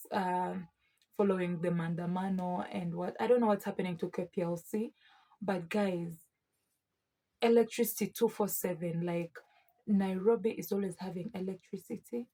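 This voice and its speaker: A young adult woman with a Ugandan East African English accent vlogs casually, speaking emphatically and expressively and often calling her listeners friends. Her voice is mid-range with a breathy edge.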